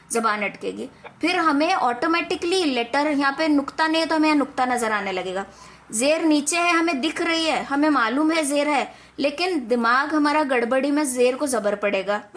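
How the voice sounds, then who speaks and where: A woman's voice: high voice, fairly bright tone. A woman teaching an online class for children, explaining patiently step by step and often checking in with her students. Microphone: video call.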